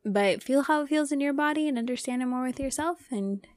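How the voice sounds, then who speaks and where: A woman's voice: high voice, a little fast, no room sound, clean studio sound. A woman hosting a solo podcast in a casual, chatty way, often saying "like" and acting out imagined thoughts. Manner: chatty, frequent "like", voices imagined thoughts in quotes. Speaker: podcast host.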